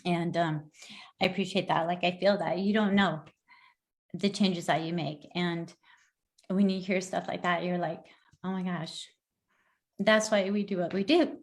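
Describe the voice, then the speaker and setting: A woman's voice: on the low side, steady tone, measured pace, long pauses. A woman hosting a podcast, chatting casually in a gushing, effusive way with lots of fillers. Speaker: podcast host. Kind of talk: casual chat.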